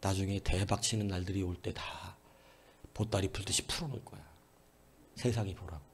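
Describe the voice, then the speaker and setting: A middle-aged man preaching a sermon as pastor, animated and talking back and forth with his congregation, swinging between loud calls and hushed asides. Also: sits low, brisk, slight background noise. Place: church sanctuary.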